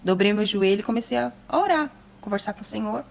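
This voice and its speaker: A woman's voice: medium pitch, expressive, fast, vocal fry. Young woman telling her testimony on a podcast, earnest, emotional, voice near tears at times. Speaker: guest giving testimony.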